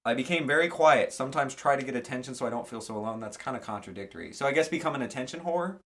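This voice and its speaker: A man's voice: mid-range voice, animated, racing, fairly bright tone. A man co-hosting a podcast, reading quiz questions aloud and adding sarcastic asides in casual chat.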